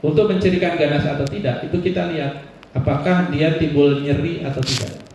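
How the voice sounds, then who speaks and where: A man's voice: fairly high pitch, steady tone, a little fast, a little mellow, a little hiss or hum. A man teaching a class, explaining by example and asking and answering his own questions. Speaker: instructor. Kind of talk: classroom lecture. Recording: echoey room, voice from far off.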